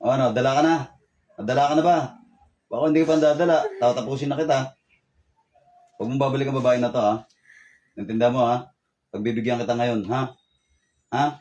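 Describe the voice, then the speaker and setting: A man's voice: mid-range voice, brisk, long pauses, a little mellow, muffled recording. A man working as a faith healer, giving a spirit short, firm orders and tagging each one with a pressing question. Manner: commanding, drives short orders with a repeated questioning tag. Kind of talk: healing ritual, addressing a spirit.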